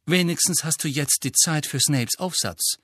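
A brisk, sensible teenage girl played by a man makes her point in a matter-of-fact way. The voice is raised above the reader's own, and the recording is dry and close. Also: a little high, a bit bright, no room sound, voice pushed up. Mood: reasonable.

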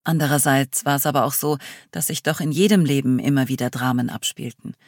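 A storyteller narrating an audiobook in the first person. The reading is measured and expressive, at an ordinary middle pitch. The sound is dry and close, with no room sound. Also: no room sound.

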